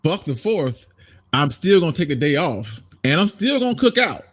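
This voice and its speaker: A man in relaxed group conversation on a podcast, leaning hard into his points and breaking into laughter. His voice sits on the high side for a man. The sound is dry and close, with no room around it. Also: normal speed, no echo. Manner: emphatic, joking, laughs often. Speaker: podcast co-host. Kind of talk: casual group chat.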